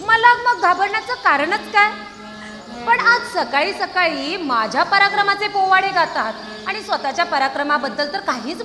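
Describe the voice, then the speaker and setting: A woman's voice: very high-pitched, bright, forceful tone, exaggerated voice. A woman playing a teasing young warrior heroine. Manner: playful, teasing. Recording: echoey hall, stage music behind.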